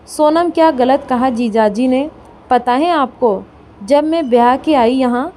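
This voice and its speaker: A woman's voice: sits high, darkish tone, slight background noise. Woman voicing a firm young daughter-in-law. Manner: firm, reasoning.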